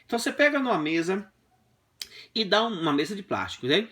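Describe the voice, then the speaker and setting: A man teaching a physics class in a classroom, explaining with playful, animated stories. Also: sits high, fast talker. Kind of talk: lively classroom lesson with comic anecdotes. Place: classroom with a whiteboard.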